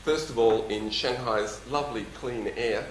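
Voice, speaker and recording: A man with a slight lisp fields audience questions at a live talk. He is emphatic and dryly humorous, in a medium-pitched voice. The room echoes around him and there is faint noise behind. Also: a little slow. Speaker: company executive presenting and taking audience questions. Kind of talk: public talk with question-and-answer session. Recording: roomy echo, faint background noise.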